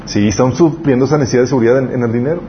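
A man's voice: mid-range voice, racing. A man preaching a casual, conversational youth sermon, reading scripture and checking that listeners follow. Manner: conversational, asks listeners to agree. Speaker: youth pastor. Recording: slightly dull lo-fi recording with faint noise.

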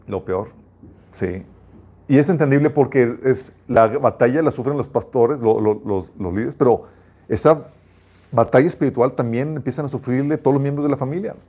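A pastor with a warm, mid-range voice preaches a sermon at normal speed, reading scripture aloud. He speaks emphatically and often restarts his phrases.

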